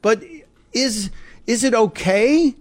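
A man's voice: very high-pitched, slow, no echo. A man hosting a talk radio show, delivering an opinionated monologue into a studio microphone in a conversational, indignant tone with sarcastic asides.

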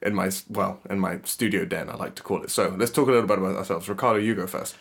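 A man hosting a casual podcast from his bedroom studio, playful and teasing, often trailing off quietly, with a slight asthmatic wheeze. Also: low voice, steady tone, fast, vocal fry. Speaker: podcast host. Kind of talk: casual chat.

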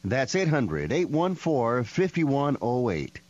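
A man reading a radio commercial in an upbeat hard-sell pitch, heard over a radio broadcast. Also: big pitch swings, slow, darkish tone. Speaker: commercial announcer. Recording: dull lo-fi radio audio with music behind.

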